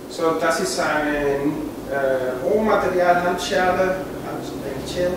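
Speaking slowly in a fairly high voice, a Chilean man in his forties, an instrument maker and musician, walks the camera through a craft process in halting, non-native phrasing. He's in an indoor production workshop, and the recording is echoey with a little noise.

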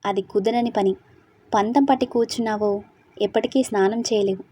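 Curt scolding young husband, dark husky voice as a woman narrator puts him on. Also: on the high side, steady tone, normal speed. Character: angry stern young husband.

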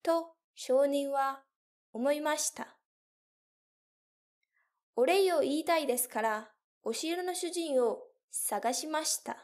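Young woman teacher, high voice, very slow, clear careful storytelling for learners. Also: a little mellow. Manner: clear, careful, deliberate phrasing. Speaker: language teacher.

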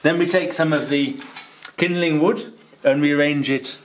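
Speaking at normal speed with a fairly high pitch and steady tone, a man in his fifties gives an instructional tutorial as a holiday rental host. He explains the task patiently, step by step, with frequent ums, recorded on a handheld camera in a stone-walled kitchen with a little hiss or hum.

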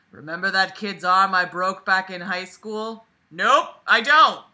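A woman in her twenties lies on a bed in a small bedroom, reading aloud in a slow, sharp, mid-range voice. She keeps breaking off with sarcastic, exasperated, profane remarks, mocking the text as she goes.

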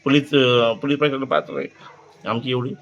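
A man telling a news reporter about an attack on his friend, halting and repeating words. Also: medium pitch, fairly even intonation, creaky, fairly bright tone, dull audio. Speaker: friend of victim, interviewee. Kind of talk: news interview statement.

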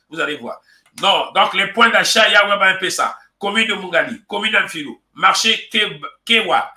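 Male morning host, slightly high and sharp, playful banter, roomy sound. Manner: animated, teasing, mixes French with local words. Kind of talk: casual radio chat.

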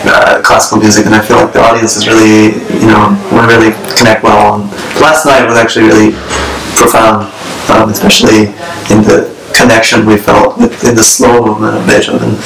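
A young man from Maryland, a pianist, speaking haltingly with many fillers. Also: fairly low pitch, level tone, gravelly, reverberant, distant mic, crowd noise, low-quality recording. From Maryland, USA. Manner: halting, many "uh" and "you know". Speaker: pianist being interviewed. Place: bright room indoors.

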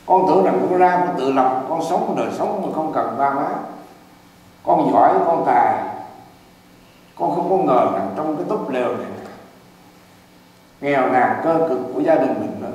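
A preacher speaking as a grown son, humbled and full of remorse, with an earnest and pleading voice. His slightly high voice echoes through a large hall from a distance. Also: dark tone. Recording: echoey church hall from far off.

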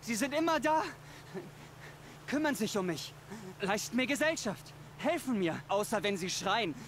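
An actor voicing a tormented man haunted by voices, speaking in a frantic, halting, desperate way in a video game. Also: high-pitched, lively intonation, fairly bright tone, a little hiss or hum.

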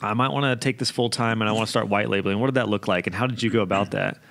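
A man's voice: fairly low pitch, rapid-fire, a bit bright. A young man hosting a podcast interview, speaking in an upbeat, chatty way into a studio microphone. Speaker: podcast host. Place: small home studio. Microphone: podcast mic on arm.

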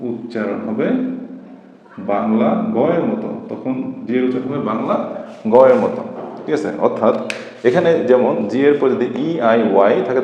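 A man's voice: medium pitch, mellow. A man gives a phonics lesson, spelling words out letter by letter and repeating each rule patiently. His voice rings through a very echoey room with a long reverb tail. The sound is dull and lo-fi with a faint hiss behind it. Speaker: English teacher.

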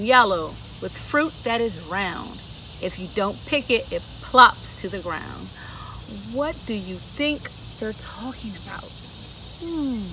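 A story time reader with a fairly high, pushed, bright voice reads a picture book to children on a garden bench outside, asking them playful questions between rhymes. The low-quality recording comes from a camera a few feet off, and insects can be clearly heard.

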